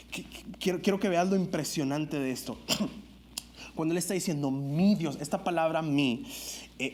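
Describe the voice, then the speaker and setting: A man's voice: mid-range voice, a little mellow. Guy preaching a sermon in church, earnest, gets emphatic, lots of restarts. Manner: earnest, rising to emphatic peaks, with restarts and filler words.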